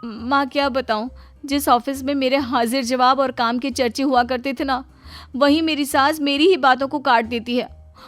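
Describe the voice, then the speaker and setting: A woman's voice: sits high, steady tone, normal speed, close to an everyday voice. A woman voicing a proud, mouthy young daughter-in-law in a cartoon story, talking back sassily. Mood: rueful. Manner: sassy, talks back.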